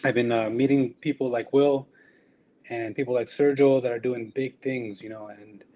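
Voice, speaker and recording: Man from El Salvador, tradesman guest, earnest and reflective, mid-pitched. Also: steady tone, moderate pace, dark tone, rough recording. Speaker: electrician and business owner. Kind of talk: casual conversation.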